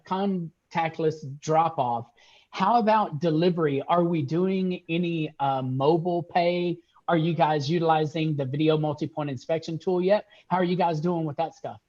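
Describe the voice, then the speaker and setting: A man's voice: a little high, a little mellow. A man on a video call, reviewing a store's sales numbers and praising the team in an upbeat way. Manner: upbeat, praising, fills with uh and restarts. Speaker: regional sales manager. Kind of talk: video call business check-in. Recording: dull lo-fi call audio.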